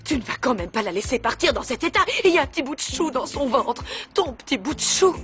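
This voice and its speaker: A woman's voice: high voice, animated, fast, fairly bright tone, soft background music. An actress dubbing a fussy, doting mother in a French telenovela dub, fond and coaxing. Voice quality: doting, fussing.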